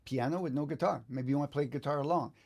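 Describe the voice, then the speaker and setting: A fast-talking older man in his 50s or 60s, his voice on the high side and creaky, leads a casual live online guitar lesson from an indoor studio. He thinks aloud informally as a teacher while music plays behind him.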